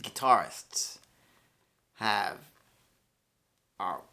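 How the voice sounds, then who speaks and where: With drawn-out words and lively intonation, a New York guitarist and channel host in his sixties rambles candidly to camera, swearing frequently and restarting. His fairly low voice has a sharp tone.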